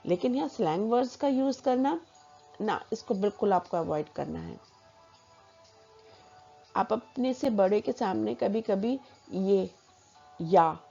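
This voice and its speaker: A woman teaching a personality development lesson, explaining in a measured way with spoken examples. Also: mid-range voice, creaky, warm tone, breathy edge, dull audio.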